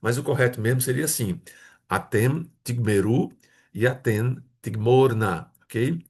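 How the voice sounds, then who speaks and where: A man's voice: medium pitch, a little slow, darkish tone, husky. A man from Brazil, teaching a grammar lesson, patiently repeating words and checking in with his students. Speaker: Hebrew teacher.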